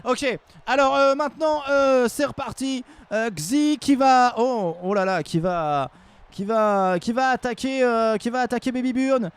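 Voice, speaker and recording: A man commentating battles live on a stream, joking and rambling, with bursts of shouted hype. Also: very high voice, measured pace, clear, resonant tone.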